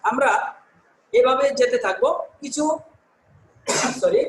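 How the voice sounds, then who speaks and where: High-voiced male teacher in an echoey room. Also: slow. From Bangladesh. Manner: explains step by step, often asks and answers his own questions; repeats words and corrects himself with "sorry". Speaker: English teacher. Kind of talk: online class lecture.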